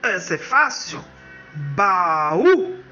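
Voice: medium pitch, sing-song, extremely slow, pushed and bright, highs cut off, soft background music, full character voice. A performer voicing Tom, a cheerful cartoon helper who repeats the choices, thinks aloud and calls out the answer. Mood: eager.

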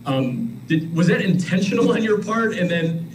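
A man's voice: high-pitched, expressive, normal speed. A male reporter asking long, winding questions with hesitant restarts over a remote call. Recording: distant call audio with noise.

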